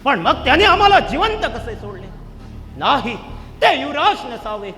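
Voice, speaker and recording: A man's voice: very high-pitched, very animated, moderate pace, bright, forceful tone, a little hiss or hum, heavily acted. An actor playing a scheming, ruthless king in a musical stage drama, giving commanding and threatening orders. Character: scheming, ruthless middle-aged male king. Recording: echoey hall, long reverb.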